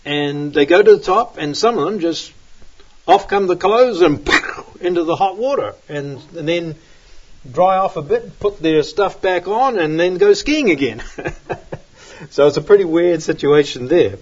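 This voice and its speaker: New pastor guy chatting slow and rambly, husky voice, kinda dull lo-fi sound. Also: on the high side, expressive. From New Zealand. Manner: rambling, hesitant, many fillers. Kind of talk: relaxed sermon chat and prayer. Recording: dull lo-fi recording.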